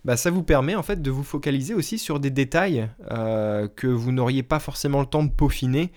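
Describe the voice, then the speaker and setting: A man's voice: medium pitch, a little fast, a little mellow. Man hosting a podcast, hesitant and chatty. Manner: hesitant, many fillers, addresses listeners directly. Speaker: podcast host and language teacher. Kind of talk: casual solo podcast talk.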